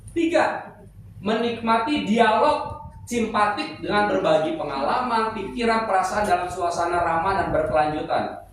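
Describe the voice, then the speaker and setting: In a noisy, echoing church hall, far from the microphone, a middle-aged preacher leads a seminar and trades jokes with the congregation. His voice is high-pitched and animated, moving at normal speed.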